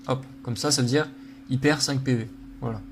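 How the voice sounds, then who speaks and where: A man's voice: mid-range voice, fairly even intonation, normal speed, noisy background. A man giving a casual coding lesson while working at his computer, thinking aloud with lots of fillers and joking at his own slips. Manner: thinks aloud with many fillers, self-deprecating. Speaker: programming tutor.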